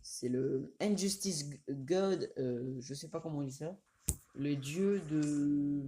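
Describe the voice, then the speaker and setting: A man's voice: on the high side, takes it slowly, a little hiss or hum. A young man from France giving casual, rambling commentary while playing a fighting game, now and then talking back to the screen. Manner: rambling, excitable, mutters to the game. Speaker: gaming youtuber. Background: game music.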